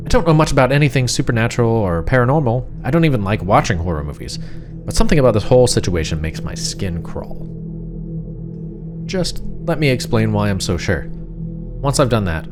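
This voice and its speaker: A man narrating a horror story in the first person as a frightened, suspicious wife, confiding and uneasy, with deliberate pauses. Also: medium pitch, very animated, lightly acted. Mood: anxious, pleading. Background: music.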